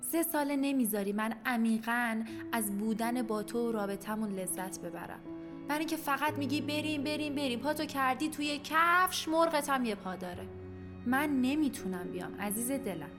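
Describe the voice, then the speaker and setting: A woman's voice: a little high, close to an everyday voice. An actress playing a young woman music teacher in a radio drama, teasing her partner and then pleading earnestly.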